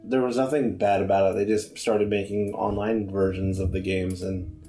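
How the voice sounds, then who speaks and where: A man's voice: lowish voice, level tone, moderate pace, mellow, faint music behind. A man co-hosting a let's play, making dry, sarcastic quips in casual chat.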